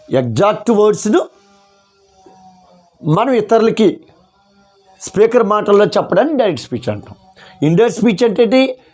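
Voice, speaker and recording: A man's voice: high voice, darkish tone. A man teaching English grammar, repeating key terms and answering his own questions. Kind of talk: classroom-style grammar lesson.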